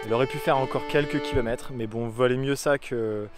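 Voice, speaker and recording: A man's voice: mid-range voice, steady tone, fairly quick, over music. A young man vlogging casually about his bike trip outdoors, rambling and hesitant with many fillers. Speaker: cycling travel vlogger. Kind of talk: casual vlog chat to camera.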